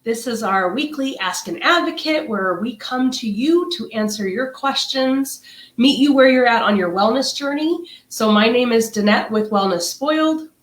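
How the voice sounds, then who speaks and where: Her voice sits on the high side, animated and at an ordinary pace, though stuffy and nasal. A middle-aged co-host of a casual wellness stream, she rambles through friendly chat loaded with fillers, recorded in a room with echo.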